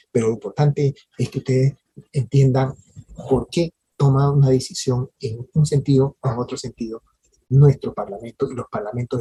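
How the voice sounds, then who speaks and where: Recorded with poor audio, a lecturer with a mellow, mid-range voice and a breathy edge delivers a talk at a parliamentary training workshop. They put tag questions to the audience directly, while frequent restarts and repeated words make the speech hesitant.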